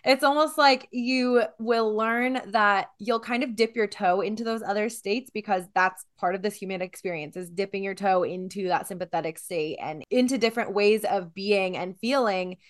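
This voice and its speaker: A woman's voice: medium pitch, moderate pace, hardly any pauses, no room sound, studio quality. A woman co-hosting a podcast in casual chat, earnest, building vivid metaphors and using "like" as a filler. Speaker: podcast co-host.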